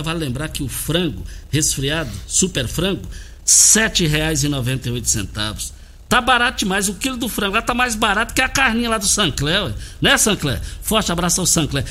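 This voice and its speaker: A male radio host delivers a hard-sell ad. His voice sits fairly high and swings widely in pitch, pushing the offer with emphatic, promotional energy. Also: bright, forceful tone. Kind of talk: hard-sell live ad reads and radio interviewing. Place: radio studio.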